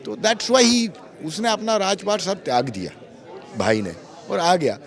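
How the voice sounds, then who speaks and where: A man being interviewed about an acting role, telling lively stories, acting out quoted lines and mixing in English phrases. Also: high voice, a little slow, a faint crowd. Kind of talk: animated storytelling interview.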